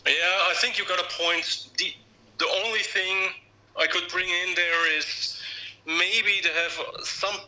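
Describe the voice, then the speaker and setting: A man calls in to a radio show with a very bright, forward voice pitched a little high. He talks as a caller working through an opinion, halting and repeating words as he goes. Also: steady tone, rough recording.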